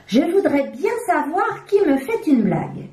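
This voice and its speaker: A woman's voice: huge pitch swings, a little slow, a little mellow, roomy sound, full character voice. A woman doing an eager little chick girl. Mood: puzzled. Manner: high, eager childlike voice.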